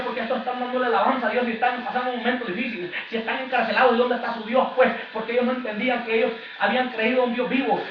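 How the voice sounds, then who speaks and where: A man's voice: very high voice, slight background noise. A man preaching a sermon as an evangelist, in a fervent, repetitive preaching cadence. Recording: echoey, distant, dull lo-fi church recording.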